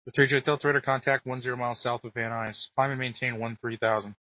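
A man working as an air traffic controller, giving brisk, procedural instructions over the radio. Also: medium pitch, fairly even intonation, sharp tone, no echo. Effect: radio transmission. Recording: muffled lo-fi radio audio.

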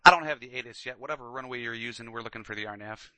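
A man's voice: mid-range voice, rapid-fire, pushed and bright, no echo, low-quality recording. A man working as a pilot, making procedural radio calls and readbacks.

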